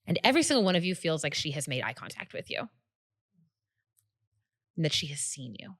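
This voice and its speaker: A woman narrating as game master in a tabletop game, describing the scene in a relaxed way with fillers. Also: low voice, fairly quick. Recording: long reverb, faint music behind.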